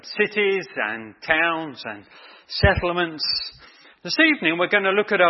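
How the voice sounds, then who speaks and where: A man's voice: a little high, breathy edge, dull audio. A man preaching an evening sermon in a chatty way, quizzing the congregation with questions.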